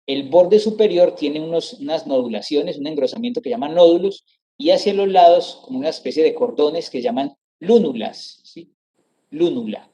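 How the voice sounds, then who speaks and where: Mellow-voiced male anatomy lecturer. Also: a little high, normal speed. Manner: explanatory, repeats terms, checks understanding with "¿sí?" and "¿cierto?". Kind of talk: classroom lecture over slides.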